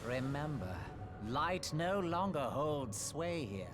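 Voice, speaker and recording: An actor playing a menacing, grandiose male villain sorcerer in a game cutscene, speaking slowly and theatrically. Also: on the high side, big pitch swings. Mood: gloating. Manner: slow, theatrical, gloating. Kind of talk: video game cutscene acting. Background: game music.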